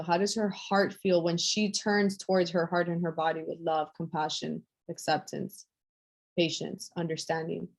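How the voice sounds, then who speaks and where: A woman leading a group coaching call, speaking softly and affectionately and lingering over repeated words. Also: on the low side. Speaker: women's empowerment coach.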